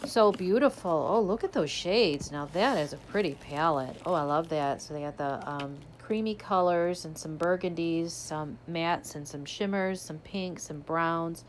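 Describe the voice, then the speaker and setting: A woman's voice: sits low, a little slow, hardly any pauses, a little hiss or hum. A woman chatting casually as she unboxes a subscription box, describing each item as she pulls it out. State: hiccuping. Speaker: unboxing vlogger.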